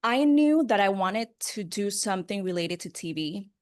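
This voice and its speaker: A broadcast journalist appears as an interview guest, casually telling personal stories. Her medium-pitched voice is animated and moves at a moderate pace, earnest and conversational, with emphasis on key words.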